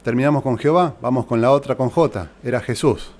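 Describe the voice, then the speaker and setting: An Argentine pastor, speaking in Spanish with that accent, gives a teaching sermon in a church hall, laying things out step by step and asking his congregation rhetorical questions. His mid-range voice is darkish in tone and moves fairly quickly.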